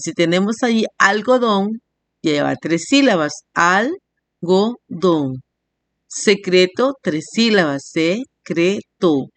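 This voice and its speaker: A woman teacher giving a recorded language lesson, reading definitions and slowly sounding out example words syllable by syllable. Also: medium pitch, dry recording. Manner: slow, spells words out syllable by syllable. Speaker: primary school teacher.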